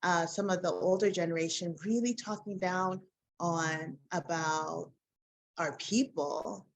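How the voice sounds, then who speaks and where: Effusive woman podcast host. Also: low-pitched. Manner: warm, effusive, laughs often. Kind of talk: conversational interview.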